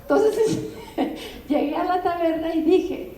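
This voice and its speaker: An older woman, a literary translator giving an animated, conversational talk and often turning to the audience with asides. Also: very high-pitched, slow. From Mexico. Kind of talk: anecdotal public talk. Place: bookstore event room. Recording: roomy, distant, faint ambient noise.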